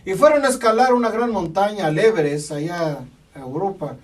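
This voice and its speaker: A man delivers a sermon in a high voice, pressing his point by repeating phrases and adding amen between lines. He sounds set back from the microphone, a little distant. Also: normal speed. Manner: emphatic, repeats phrases, punctuates with "amén". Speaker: preacher. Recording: voice from a distance from the mic.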